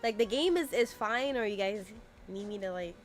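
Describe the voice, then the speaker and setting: Faint music sits behind a young woman's mid-range, lively voice as she chats at normal speed during a game stream from her home room. Speaking into a desk microphone, she's chatty and exasperated, peppering her talk with "like."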